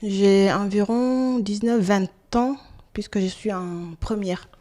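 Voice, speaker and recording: A woman's voice: mid-range voice, steady tone. Hesitant woman guest. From Senegal. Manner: hesitant, many filler pauses, soft-spoken. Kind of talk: interview answers.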